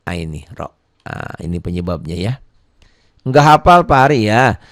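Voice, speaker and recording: Guy teaching quran reading to beginners, lowish voice, keeps asking kenapa and answering himself, chants bits slow. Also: very animated, no room sound, clean studio sound. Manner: patient, repeats points and asks then answers his own questions; chants Quranic phrases slowly and loudly between plain explanations. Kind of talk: beginner tajwid lesson.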